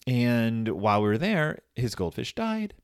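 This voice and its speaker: A man's voice: medium pitch, a little slow, clear, resonant tone, no room sound, studio quality. A man in his forties, reviewing a book in a casual chat and telling a rambling story, correcting himself as he goes. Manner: rambling, self-correcting, animated.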